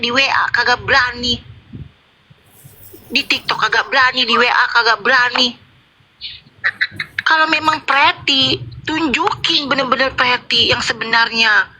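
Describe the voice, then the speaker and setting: A woman with a fairly high, very bright and cutting voice scolds and insults the other side of a phone argument. She lectures relentlessly. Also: a little hiss or hum, poor audio. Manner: berating, insulting, hectoring.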